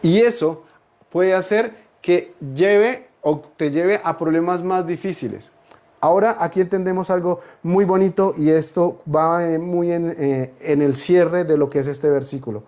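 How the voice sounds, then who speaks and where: A man delivers a sermon in a fairly high voice. He hammers home repeated phrases, lifting to emphatic peaks as he preaches. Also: measured pace, a little mellow. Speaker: pastor.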